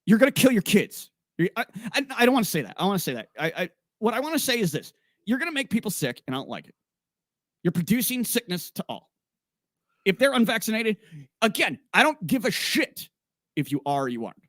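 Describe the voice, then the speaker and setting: A man's voice: high voice, big pitch swings, a little fast, a bit bright, no echo, studio quality. A man co-hosting a podcast in casual chat, blunt and profane, rambling with restarts. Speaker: podcast co-host.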